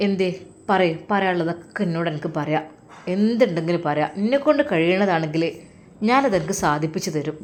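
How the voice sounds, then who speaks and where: A woman voicing a gentle middle-aged uncle who coaxes and comforts a crying niece in a storybook telling. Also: lowish voice, animated, a little fast, a little hiss or hum, natural voice. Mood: encouraging. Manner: soothing, coaxing.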